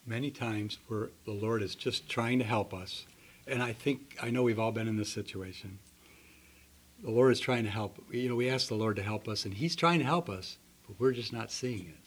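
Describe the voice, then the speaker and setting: A man's voice: lowish voice, moderate pace, slightly rough. A man preaching a sermon, telling stories earnestly and acting out the people in them. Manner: earnest storytelling with voiced characters.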